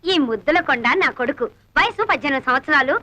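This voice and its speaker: Bossy scolding wife. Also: female voice, sits high, animated, quick pace, bright, forceful tone. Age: 40s. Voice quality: scolding, brash. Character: bossy, sharp-tongued village wife, forties. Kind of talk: comic film acting.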